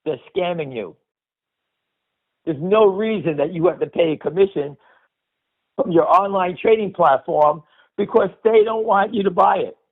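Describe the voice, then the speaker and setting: A man, middle-aged or older, hosts a stock market call in a high voice at a moderate pace, pausing often. He offers blunt, emphatic, opinionated commentary without a script, swearing and repeating phrases. The call audio is muffled and lo-fi, much like radio.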